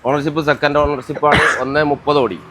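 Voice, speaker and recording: A man's voice: on the high side, level tone, fast talker, a bit bright, slight background noise. A man with a Malabar Malayalam accent, a car dealer who mixes in English terms and gives short, repeated answers in casual sales talk. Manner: clipped answers, repeats key phrases.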